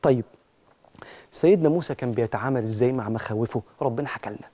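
An Egyptian man hosts a religious motivational broadcast and rattles through his points at high speed. His voice is dark and mellow, and he preaches with emphasis, turning often to his audience. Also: fast talker. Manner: preachy, emphatic, addresses listeners directly. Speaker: talk show host. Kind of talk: religious motivational talk on air.

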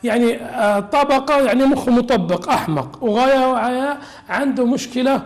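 A man's voice: very high-pitched, normal speed. A man teaching a religious lesson as a sheikh, explaining an old text with humorous asides.

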